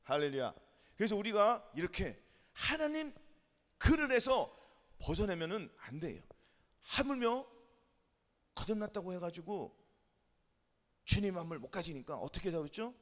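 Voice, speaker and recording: A man preaching a sermon as pastor, telling a story with lively questions to the congregation. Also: high voice, normal speed, pauses often. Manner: animated storytelling with call-and-response questions. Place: church sanctuary. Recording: long church hall reverb.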